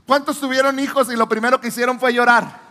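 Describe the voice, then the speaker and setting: This sermon comes from a Mexican pastor in his forties who narrates dramatically, shifting between loud declarations and hushed lows. His delivery is fast and flat.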